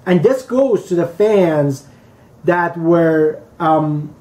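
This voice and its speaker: A man hosting a casual sports rant, talking bluntly and halting often on fillers. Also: on the high side, animated, warm tone. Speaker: sports fan vlog host.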